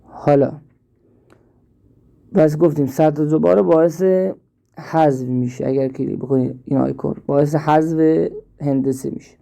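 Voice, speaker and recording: A man teaching an app step by step, slowly and with repeats, in a screen-recorded tutorial. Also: a little high, fairly even intonation, creaky, warm tone. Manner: slow step-by-step explaining, repeats himself. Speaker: instructor.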